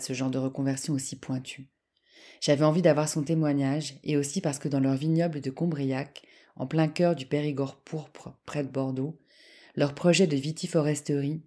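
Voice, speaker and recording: Female host, scripted read, mellow dark tone, measured. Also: low-pitched, breathy edge. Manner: measured, read-aloud delivery. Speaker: podcast host. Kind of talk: scripted narration.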